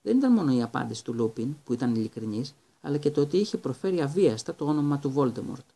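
A man reading a Greek audiobook in a steady, even storytelling manner. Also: medium pitch, vocal fry. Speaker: audiobook reader. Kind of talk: audiobook narration.

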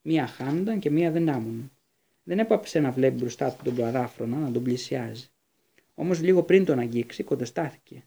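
A man reading a fantasy novel aloud as an audiobook narrator, with steady storytelling. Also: mid-range voice, vocal fry, husky.

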